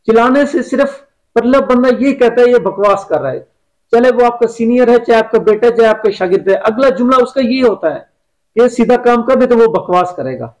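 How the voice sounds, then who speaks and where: Male business coach guest, very high voice, instructive and repetitive. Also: brisk, darkish tone, lo-fi sound. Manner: instructive, repeats key phrases. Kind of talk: motivational advice in an interview.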